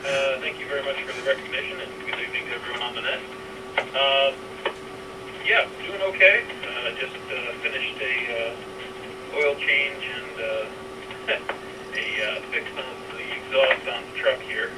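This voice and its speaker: A man's voice: medium pitch, unhurried. A man calling in from his vehicle to an amateur radio net, polite and hesitant in casual chat, heard over a two-way radio with static. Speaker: mobile ham radio operator. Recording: distant mobile radio with heavy static.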